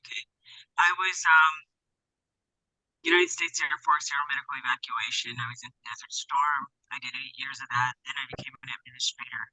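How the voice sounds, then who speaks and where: A woman's voice: a bass voice, lively intonation, brisk, sharp tone, dry recording. A middle-aged woman from Central California giving a plain, matter-of-fact account on a group call, her voice hollow and tinny as if inside a metal tank. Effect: hollow tin-can sound, as if inside a metal tank. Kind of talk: casual personal account. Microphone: bad call microphone. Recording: distant, dull, tinny call audio.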